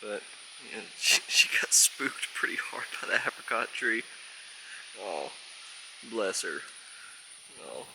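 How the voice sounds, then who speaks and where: A man on a farm chatting casually and talking baby talk to his cat in a soft, doting way. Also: on the low side, animated, takes it slowly, vocal fry, pauses often, noisy background. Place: outdoors on a farm.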